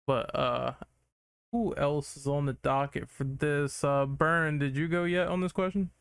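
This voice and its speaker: A man's voice: a little high, fairly even intonation, measured pace, gravelly, fairly bright tone, smooth, no room sound. A man hosting a gaming podcast in casual chat, running the questions and swearing casually. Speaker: podcast host.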